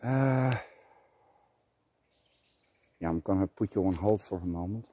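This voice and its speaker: Man, mellow dark voice, unhurried, rambling chatty vlog talk, outdoors on a forest trail, camera on a tripod. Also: low-pitched, dry recording. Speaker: vlogger. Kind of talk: casual outdoor vlog narration.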